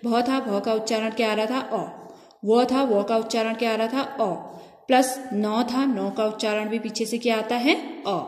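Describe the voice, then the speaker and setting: Woman teacher, fairly high voice, unhurried classroom delivery, recorded in a room with long reverb. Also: steady tone, a little mellow. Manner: asks questions and answers them herself, slow and drawn out. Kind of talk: classroom grammar lesson.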